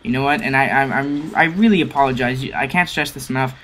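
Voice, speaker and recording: A man's voice: mid-range voice, fast talker, a bit bright, slight background noise. A teenage boy in a gaming video, lecturing viewers in a rambling, preachy way, often stumbling and correcting himself. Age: teens. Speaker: gaming commentary video maker. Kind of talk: ranting commentary over gameplay.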